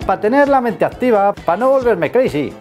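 A man's voice: high-pitched, very animated, moderate pace, loud music behind the voice. A man from Spain playing a chatty, rambling Spider-Man in a comedy sketch, lecturing kids with a Spanish accent. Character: man in tights as homebound comic Spider-Man.

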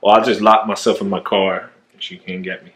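A man's voice: lowish voice, flat delivery, fairly quick, a bit bright, poor audio. A man in his thirties filming himself at arm's length in a home kitchen, chatting jokingly while he cooks. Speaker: vlogger cooking at home. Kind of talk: casual cooking vlog. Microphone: handheld camera at arm's length.

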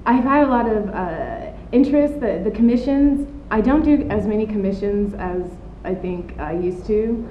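An American artist in her thirties speaks animatedly at a moderate pace, barely pausing, as she reflects casually during an interview full of fillers and restarts. She's on the outdoor patio of an art studio, and the recording sounds roomy and dull, with a low rumble.

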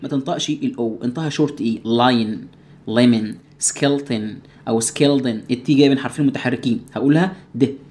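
A fast-talking man with an Egyptian Arabic accent gives an English lesson. He asks himself the questions his students would ask and answers them. He drills each word by saying it slowly again and again. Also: mid-range voice, a little mellow. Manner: repeats English words slowly to drill pronunciation. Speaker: English teacher. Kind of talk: recorded classroom lesson.

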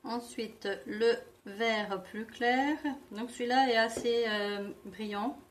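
A woman reviewing beauty products in a casual vlog, talking with many fillers and pauses. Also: fairly high pitch, steady tone. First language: not English. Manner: slow, hesitant, many fillers. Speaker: beauty vlogger.

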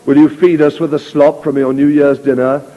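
A man voicing a bitter male sergeant who leads a mutiny and speaks quietly and steadily, read aloud in an echoey hall. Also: on the high side, little pitch movement, moderate pace, natural voice. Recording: echoey hall, dull lo-fi recording.

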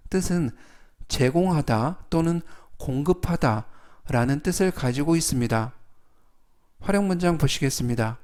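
A man's voice: a little high, a little mellow. A man teaching basic English words in Korean, repeating each word several times with care and explaining its meaning and usage step by step. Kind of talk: slow step-by-step vocabulary lesson.

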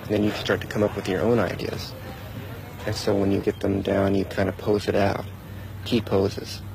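Brief: male animator, interview explanation, low and creaky, noisy background. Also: monotone, moderate pace. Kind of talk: explaining work in a documentary interview. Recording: noticeable background noise.

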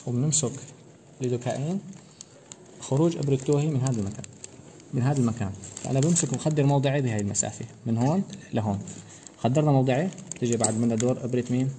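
A man's voice: medium pitch, racing, dark tone, slight background noise. A man giving a practical anesthesia lecture, explaining procedure steps and quizzing students with rhetorical questions. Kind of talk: practical medical demonstration.

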